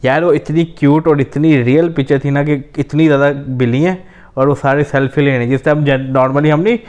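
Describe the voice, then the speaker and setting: A man's voice: a little high, steady tone, a little mellow, highs cut off. A man from Pakistan hosting a podcast, chatting casually and explaining things, with English phrases mixed into his talk. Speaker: podcast host. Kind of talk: casual chat.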